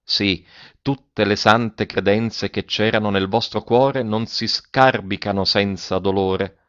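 A man's voice: fairly low pitch, fairly even intonation, slow, fairly bright tone, dry recording, highs cut off. A man reading the part of a proud, wounded young woman in a tense, restrained way. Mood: reproachful.

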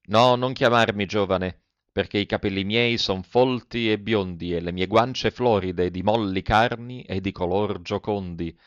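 Male reciter, low resonant voice, dramatic verse reading, dull lo-fi sound. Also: no room sound. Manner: declaiming, with slow solemn pauses. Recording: dull lo-fi recording.

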